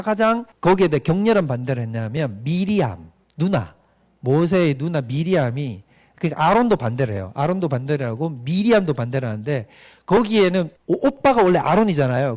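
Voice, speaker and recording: A man's voice: sits high, a little mellow. A man, a pastor, giving a doctrine lecture and retelling a story with questions to the audience.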